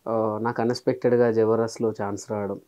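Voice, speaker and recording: A man talks fast as an interview guest. His voice is dark and mellow, and he acts out the lines he quotes as he tells his stories. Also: on the low side, smooth. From Telangana, India. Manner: lively storyteller, quick, acts out quoted lines. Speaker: comedian and mimicry artist, interview guest. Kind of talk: casual interview chat.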